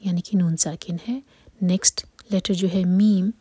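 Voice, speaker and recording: A woman teaching Quran recitation in a steady whisper, explaining each step slowly and methodically and mixing English terms into her explanations. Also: lowish voice, breathy edge, no room sound. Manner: whispers throughout, slow and methodical. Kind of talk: whispered tutorial.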